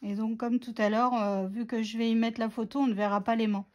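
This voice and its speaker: A woman's voice: a little high, flat delivery, fairly quick, highs cut off. A woman narrating a scrapbooking tutorial in a chatty, self-mocking way, with many fillers. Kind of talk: casual craft tutorial narration.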